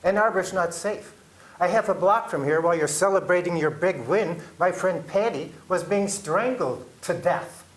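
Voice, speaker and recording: Agitated high-voiced man at a podium. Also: moderate pace, echoey room. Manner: agitated, pleading, scolding. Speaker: public commenter. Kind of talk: public comment at council meeting. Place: city council chamber.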